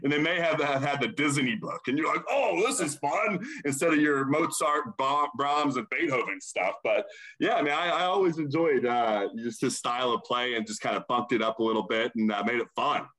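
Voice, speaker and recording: A man's voice: medium pitch, fairly quick, pushed and bright, low-quality recording. A man co-hosting a casual interview show, chatty and enthusiastic, rambling a bit as he talks. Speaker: talk show co-host.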